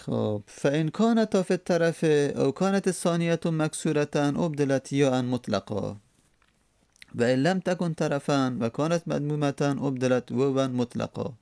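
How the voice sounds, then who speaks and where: Slow, gravelly man teaching grammar. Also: on the high side, warm tone, no room sound. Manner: slow, repeating each example syllable by syllable; hesitant, many drawn-out fillers. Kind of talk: explaining an Arabic grammar text.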